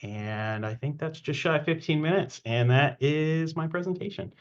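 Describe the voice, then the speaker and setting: A man's voice: on the high side, moderate pace. Guy presenting on a webinar, lots of um and uh, kinda muffled lo-fi audio. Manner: relaxed, hesitant, many ums and uhs. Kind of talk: casual technical presentation.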